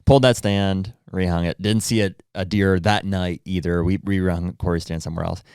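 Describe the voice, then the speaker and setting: A man's voice: sits low, fairly even intonation, moderate pace, darkish tone, smooth, no echo, studio quality. A man guest on a podcast, a hunting guide telling a rambling anecdote in casual chat, acting out what people said. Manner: rambling anecdote with acted-out quotes. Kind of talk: casual storytelling.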